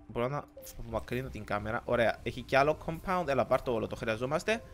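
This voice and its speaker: A young man with a Cypriot Greek accent, giving casual let's-play commentary in an excitable, rambling way, often slipping in English words. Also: mid-range voice, faint music behind. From Cyprus. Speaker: gaming YouTuber.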